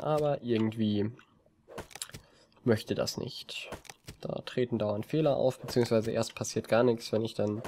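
A man giving relaxed, rambling commentary over a video game from his desk, with frequent hesitations. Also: mid-range voice, slight background noise. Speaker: let's play gamer. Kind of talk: casual gameplay commentary. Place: home desk. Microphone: desk mic on a stand.

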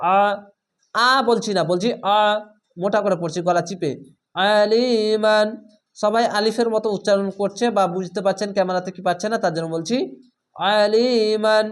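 A man teaching Quran reading. He draws out each Arabic word slowly and clearly, then explains the rules in quick, plain speech and repeats sounds patiently for his learners. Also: sits high. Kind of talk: Quran recitation lesson.

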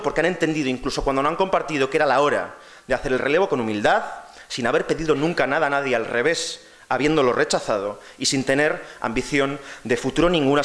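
A young man, the outgoing secretary general, giving an impassioned farewell speech at a party congress. He speaks into a lectern microphone and builds to loud, emphatic cries. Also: a little high. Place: congress hall, speaking to an audience.

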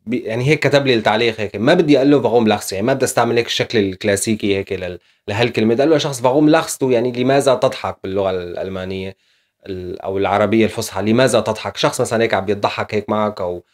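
Rapid-fire low-voiced teacher. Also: male voice. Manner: explains step by step with frequent fillers. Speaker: German language teacher. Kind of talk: casual video lesson.

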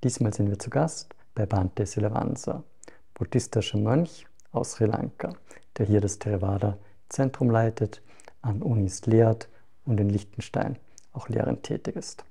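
A middle-aged man hosting a podcast interview, speaking in a relaxed, low-key way as he introduces his guest. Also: a little slow, vocal fry, slightly rough. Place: temple hall with a Buddha shrine.

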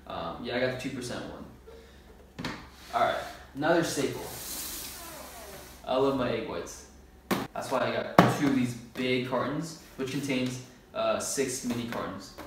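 Recorded from a camera several metres off, a young fitness vlogger talks loosely and with slang through a relaxed grocery haul. His pitch is medium, and the bare-walled room makes everything sound very echoey, with a little noise underneath.

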